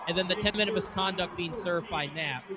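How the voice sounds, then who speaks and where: A man calling a live hockey game from an arena booth, excitable and laughing often as he thinks aloud. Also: high voice, brisk, a crowd in the background. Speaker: play-by-play commentator. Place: ice arena broadcast booth. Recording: noisy arena broadcast.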